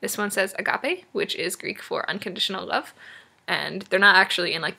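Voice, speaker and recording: A young woman from Maine chats to a friend through her webcam at home, rambling and laughing at herself. Her voice is bright and crisp on top with a gravelly fry underneath. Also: medium pitch. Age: young adult. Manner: rambling, giggly, self-deprecating. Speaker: vlogger. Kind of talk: casual chat to a friend.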